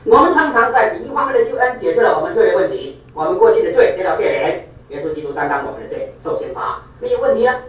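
A man preaching a storytelling sermon, animated and repeating points for emphasis, recorded in a church hall in an echoey, distant, dull way. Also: high voice, fast talker, hardly any pauses.

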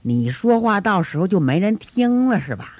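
A man's voice: sits high, very animated, normal speed, no room sound. A man voicing a scornful, impatient Roman governor who mocks with curt questions. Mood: mocking. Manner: mocking, curt, rising sarcastic questions.

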